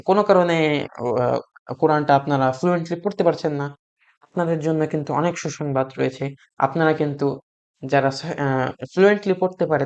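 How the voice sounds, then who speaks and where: Man, teacher, beginner reading lesson, patient, slow repetitions, hesitant fillers. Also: fairly high pitch, darkish tone. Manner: patient, repeats sounds slowly for learners to copy. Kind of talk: beginner lesson on Arabic letters.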